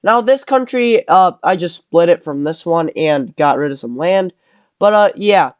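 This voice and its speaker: This man has a cold and a fairly high, animated voice, speaking unhurriedly on a dry recording. He narrates a map scenario as casual commentary, rambling and correcting himself along the way.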